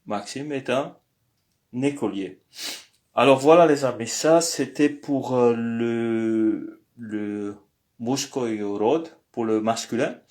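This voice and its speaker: Slow, hesitant man teaching. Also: medium pitch, a little mellow. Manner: slow and hesitant, many pauses and "euh". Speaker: language teacher. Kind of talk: screen-recorded lesson.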